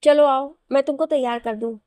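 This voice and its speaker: A woman's voice: high-pitched, fairly even intonation, normal speed, a little mellow, dry recording, natural voice. A woman doing a bossy, caring mother-in-law. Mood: bossy care. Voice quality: bossy but affectionate. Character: brisk, caring middle-aged mother-in-law.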